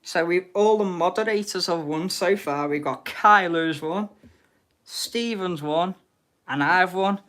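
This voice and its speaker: A British woman with a slightly low voice hosts an online bingo game. She speaks at an unhurried, slow pace. Her delivery is informal and chatty, full of cheeky banter between calls to the players. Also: a bit bright. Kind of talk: casual chat, calling out players and numbers.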